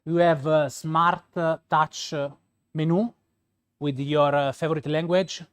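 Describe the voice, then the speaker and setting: A man with a Roman Italian accent presents a live product demonstration as a pastry chef. His voice sits a little high and he speaks slowly and haltingly, often searching for words. He repeats key points to drive them home. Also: fairly even intonation, clear, resonant tone. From Rome, Italy.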